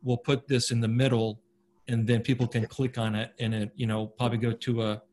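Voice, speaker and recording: A man's voice: medium pitch, level tone, brisk, darkish tone, a little hiss or hum. A man speaking as an interviewer in an earnest, conversational way. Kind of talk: casual interview talk.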